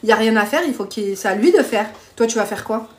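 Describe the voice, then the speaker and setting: A woman's voice: on the high side, lively intonation, a little fast. Chatty woman hosting a live stream. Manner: chatty, blunt, calls viewers pet names. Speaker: live stream host giving dating advice. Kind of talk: casual live chat reading viewer comments.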